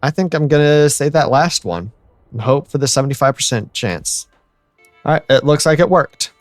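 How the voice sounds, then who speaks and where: A man hosting a let's-play, chatting in a relaxed way and reading game events aloud. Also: fairly high pitch, moderate pace, dry recording, soft background music. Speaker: gaming channel host.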